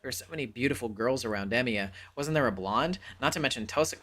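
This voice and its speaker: A man reading a visual novel aloud on a livestream, animated, with casual asides and quick self-corrections. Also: mid-range voice.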